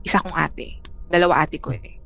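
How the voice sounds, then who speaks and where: Woman, from the Philippines, interview guest, casual storytelling, halting, lowish voice. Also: creaky, fairly bright tone. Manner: halting, many restarts and fillers.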